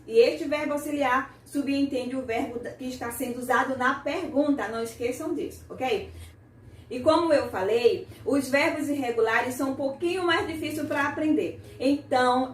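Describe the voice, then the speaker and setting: A high-pitched woman teaching an English grammar lesson at an unhurried pace. She speaks her example sentences slowly and with care, repeating them for the learner. Her voice sits a little away from the mic in a roomy, echoing space. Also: distant mic, slight background noise.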